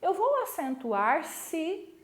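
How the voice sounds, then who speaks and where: High-voiced Brazilian teacher in an echoey room. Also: female voice, very animated. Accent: Brazilian Portuguese. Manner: explains slowly, stretches key syllables, checks in with "né?" and "tá?". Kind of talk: recorded online lesson for middle school.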